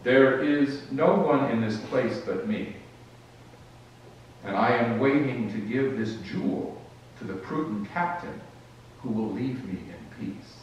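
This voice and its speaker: A man voicing a devout, humble wandering sage, speaking low and steady and then pleading in prayer. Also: slow, a little hiss or hum, lightly acted. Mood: calm, firm. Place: church sanctuary. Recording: echoey church from a distance.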